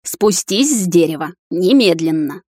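A young hunter captain, a man who barks orders and then turns gently coaxing. A woman reads him aloud in an audiobook, with a lowish voice close to the mic in a dry, dead room. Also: normal speed, dry recording, lightly acted. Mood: stern. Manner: scolding then softly coaxing. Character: stern young male captain and hunter, teasing fiancé.

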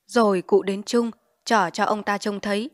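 A woman narrating a dramatized novel reading, acting out each character in a lively way. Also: medium pitch, moderate pace, dry recording, clean studio sound. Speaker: audiobook narrator.

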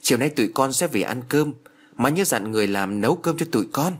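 Man doing a gentle, soothing young daughter. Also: mid-range voice, lively intonation, fast, close to an everyday voice. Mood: reassuring.

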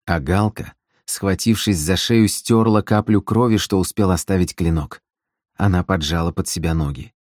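Male audiobook narrator with a low voice, measured and dramatic, recorded dry. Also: darkish tone, no room sound. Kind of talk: scripted narration.

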